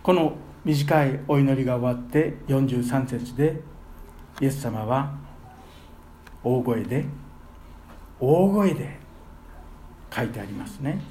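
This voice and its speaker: A man preaching a sermon as pastor, earnest, with his voice swelling loudly on key phrases. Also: medium pitch, slow, pauses often, a little hiss or hum.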